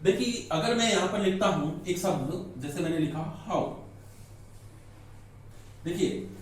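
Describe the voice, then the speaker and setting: A man's voice: high voice, unhurried, slight background noise. A man teaching English grammar in a lecture, asking questions and answering them himself. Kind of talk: classroom lecture explaining in Hindi. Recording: echoey room, mic at a distance.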